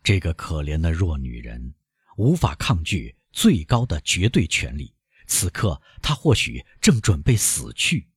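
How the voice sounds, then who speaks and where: A man reading a novel aloud as an audiobook narrator, in a dramatic, expressive manner. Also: low-pitched, measured pace, slightly rough, no room sound, clean studio sound. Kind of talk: scripted narration.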